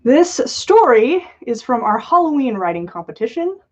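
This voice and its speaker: Her voice leans high and slightly dark, very animated, moving at a moderate pace. She's a woman and podcast host running a casual livestream, bantering and joking playfully with those watching, captured in dull, lo-fi livestream sound.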